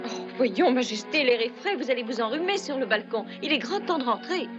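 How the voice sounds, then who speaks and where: Fussing, motherly baroness, fairly high voice. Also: lively intonation, fairly quick. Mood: fussing, cheerful. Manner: fussing, deferential. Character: cheerful, motherly baroness attending her young queen. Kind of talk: dubbed period film dialogue. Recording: muffled old film soundtrack, music behind.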